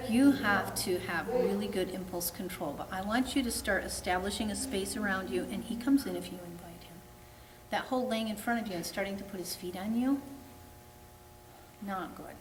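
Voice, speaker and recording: Frank woman dog trainer, distant and roomy. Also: medium pitch. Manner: frank, plainspoken, acts out dog voices. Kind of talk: coaching a client. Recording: roomy, distant, noisy background.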